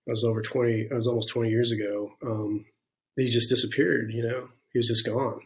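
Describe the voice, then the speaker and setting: A man's voice: medium pitch, flat delivery, a little fast. A man in his forties, a guest in an interview, telling his own story frankly and reflectively, with plenty of "you know" and "um" along the way. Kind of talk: candid personal storytelling in a conversation.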